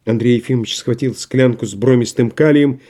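A man narrating a literary audiobook in a measured, even storytelling manner. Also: medium pitch.

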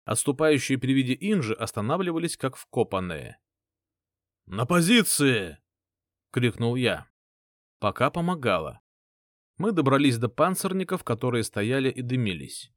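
Expressive male audiobook narrator. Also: medium pitch, normal speed, no room sound, clean studio sound. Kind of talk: first-person audiobook narration.

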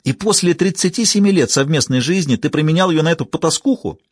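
A man's voice: a little high, fast talker, breathy edge, no room sound, studio quality, voice pushed up. A male narrator voicing a furious, scornful woman police detective confronting her father in an audiobook. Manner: accusing, scornful.

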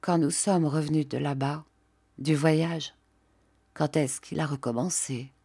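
A woman reading an audiobook, voicing a young noblewoman who presses questions in a hurried, pained voice. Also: sits low, fairly even intonation, gravelly, mellow, husky, dry recording, studio quality, heavily acted. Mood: tearful. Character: distraught young noblewoman, betrayed.

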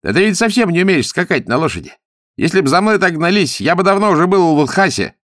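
A man voicing a vain young horseman villain, shouting loud mocking taunts. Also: high voice, very animated, fast, no echo, clean studio sound, pitched above the performer's own voice. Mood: taunting.

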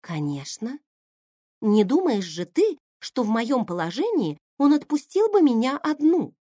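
A woman voicing a playful pregnant young sister who writes novels, speaking softly and teasingly. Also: a little high, big pitch swings, unhurried, no room sound, clean studio sound, pitched above the performer's own voice. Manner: soft, hushed, teasing.

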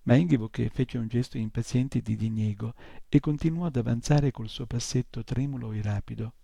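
A man reading a novel aloud in a steady, measured storytelling manner. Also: mid-range voice, gravelly, dry recording. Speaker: audiobook reader.

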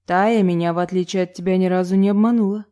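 An earnest young man, hurt and upset, speaking with a soft mellow tone , put on by a woman reading an audiobook. He sounds sincere rather than gruff. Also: on the low side, steady tone, fast talker, lightly acted.

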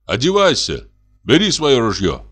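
A man's voice: mid-range voice, huge pitch swings, unhurried, fairly bright tone, husky, voice pushed up, heavily acted. A man reading an audiobook, voicing a bold, impatient hunter who speaks in urgent commands.

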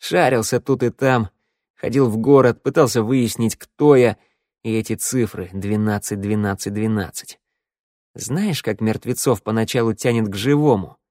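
A man voicing a pale young man speaking quietly and casually, confiding his past. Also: fairly low pitch, normal speed, no room sound, clean studio sound, lightly acted. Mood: confessional.

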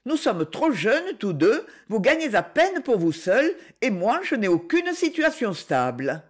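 A woman voicing a proud young woman who refuses a suitor with gentle firmness. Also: a little high, sing-song, unhurried, pitched above the performer's own voice. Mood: gently firm. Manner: gentle but firm, reproachful.

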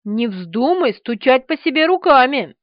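An urgent, fussing young man , as a woman narrator puts him on, in a storybook reading. Her own high, lively voice carries him. The sound is dry and a bit muffled. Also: measured pace, no echo. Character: eager young man, fussy about his pets.

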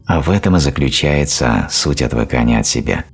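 A man narrating a self-help audiobook in a steady, explanatory reading style. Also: a bass voice, a little fast, slightly rough, soft background music. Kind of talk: scripted narration.

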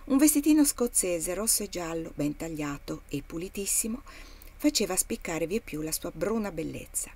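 Woman reading a novel in a lowish voice. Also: slightly rough. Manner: measured, expressive literary reading. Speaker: reader of a novel. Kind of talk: audiobook reading.

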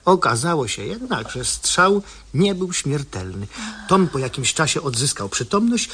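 An actor playing a nervous, guilty man in a radio drama, talking in an anxious, halting way. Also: fairly high pitch, big pitch swings, fairly bright tone, slight background noise.

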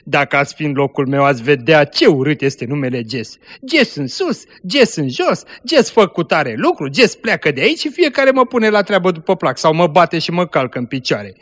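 A man's voice: a little high, very animated, hardly any pauses, a bit bright. A man voicing a poor, ragged, hungry little girl who speaks in a pleading, plaintive way. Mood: complaining.

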